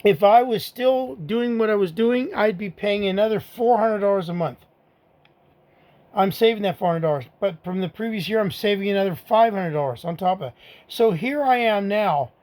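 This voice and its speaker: A man's voice: high-pitched, normal speed, darkish tone. A middle-aged man, giving a blunt, angry political rant to the camera, repeating his own rhetorical asides. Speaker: vlogger.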